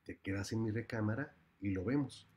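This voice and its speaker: A man's voice: lowish voice, fairly quick, lightly acted. A man voicing a sly guest brother who gossips and then slips away, with a Mexican Spanish accent and a raised voice. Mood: conspiring. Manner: excited, sly, offhand.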